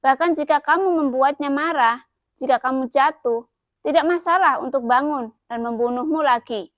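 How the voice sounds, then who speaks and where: Female narrator voicing a proud ancient warrior for an audio novel; cold, haughty, threatening, in her high register. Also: normal speed, no echo, studio quality, natural voice. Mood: cold, scornful.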